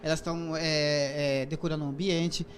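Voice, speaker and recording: Man, Brazilian Portuguese accent, slightly high voice, patient explainer, fillers and restarts, faint background noise. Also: little pitch movement, moderate pace. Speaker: poet and author guest. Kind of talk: interview, explaining and reciting poetry.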